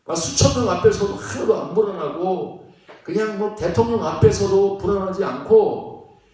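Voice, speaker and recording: A man's voice: high-pitched, moderate pace, warm tone. A male pastor preaching a sermon, conversational and emphatic, often asking the congregation rhetorical questions. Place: church sanctuary. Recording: echoey church sanctuary, distant mic.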